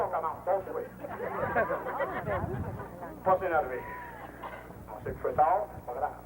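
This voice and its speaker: Wisecracking Québécois announcer man. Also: fairly high pitch. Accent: Québécois French. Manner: teasing, wisecracking banter. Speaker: game announcer. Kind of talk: comic live ballgame announcing. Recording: noisy live outdoor recording.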